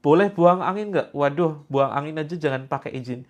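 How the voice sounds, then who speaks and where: A preacher in his sixties leads a healing session before a live gathering, teasing playfully and joking freely with the crowd. His voice is fairly high with a darkish tone, and he talks a little fast.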